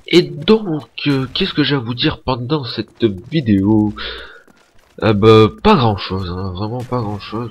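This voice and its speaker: Low-voiced young man rambling over gameplay. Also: slight background noise. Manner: casual, rambling, swears often. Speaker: gaming YouTuber. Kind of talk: gameplay commentary.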